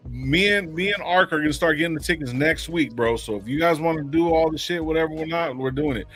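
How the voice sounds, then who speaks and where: A man's voice: a little high, fast, fairly bright tone. A man hosting a podcast in casual, profane, slangy banter. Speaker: podcast host. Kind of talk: casual chat.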